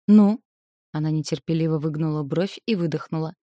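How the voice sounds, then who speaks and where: Woman reading a novel aloud, low voice, dry close sound. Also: no room sound. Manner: even, measured storytelling. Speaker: audiobook narrator. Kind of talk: scripted narration.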